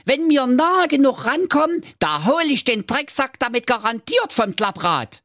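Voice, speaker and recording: A hot-headed little male dwarf agent shouts in a shrill, piping voice that swoops wildly. He sounds dry and close, like a rowdy storybook cartoon. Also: sing-song, normal speed, no room sound, full character voice. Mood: fired up. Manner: shouty, rough-mouthed squeak.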